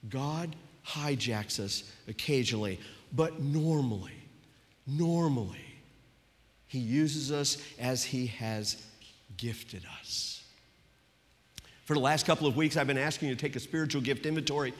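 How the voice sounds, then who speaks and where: A man preaching a sermon as a pastor, telling a personal story and dropping to a hushed voice for its tender moments. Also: medium pitch, unhurried, in a large hall.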